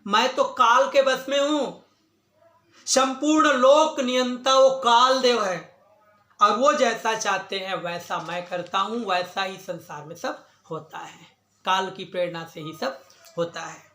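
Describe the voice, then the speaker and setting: A man's voice: high voice, measured pace, pushed and bright. A man telling a religious story, voicing the god of death proclaiming in a commanding voice. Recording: echoey room.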